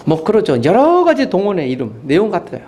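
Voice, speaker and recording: Male pastor, sermon delivery, fairly high voice that swoops up for emphasis. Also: a little fast. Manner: animated preaching with rhetorical questions and sudden pitch leaps. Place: university chapel room.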